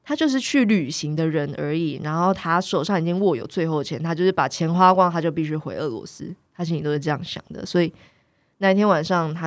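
A woman's voice: low-pitched, fast, no room sound. A young woman casually telling a story on a chat podcast, acting out the people in it and laughing often.

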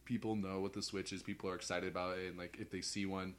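Chatty man with a lowish voice. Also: little pitch movement, fast, slight background noise. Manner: chatty, storytelling, lots of fillers and laughs. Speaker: podcast co-host. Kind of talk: casual gaming chat.

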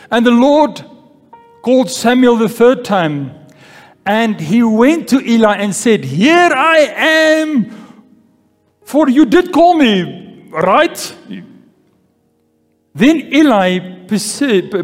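With an extremely high pitch, he delivers his sermon slowly and very animatedly, leaving long pauses. The man reads scripture, repeats key phrases and calls out "Amen?" to the congregation. Recorded in a church hall, the audio carries long reverb and faint music.

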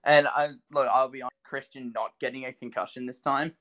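A man co-hosting a casual podcast chat, excitable and animated, laughing often. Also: mid-range voice, a little fast. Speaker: podcast co-host.

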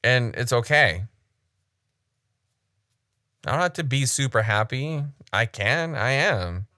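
A man's voice: medium pitch, lively intonation, slow, bright, forceful tone, no room sound, clean studio sound. A man casually commenting on a sermon clip, blunt, frank and critical.

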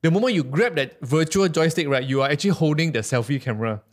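Malaysian male co-host, Malaysian English accent, slightly raised pitch, lively step-by-step storyteller. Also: fast. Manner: animated storytelling, explaining step by step. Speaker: podcast co-host. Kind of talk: casual chat.

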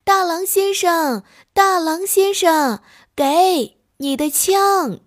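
Woman doing a high, innocent little piglet. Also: sing-song, normal speed, darkish tone, no room sound, studio quality. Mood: excited. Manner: innocent, eager, childlike. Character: naive cheerful little boy piglet.

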